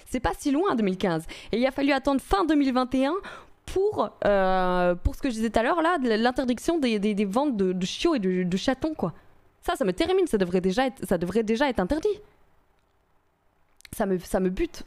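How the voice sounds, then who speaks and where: A woman's voice: medium pitch, darkish tone. A woman streaming live, chatting casually with her viewers in a rambling way, full of fillers and restarts.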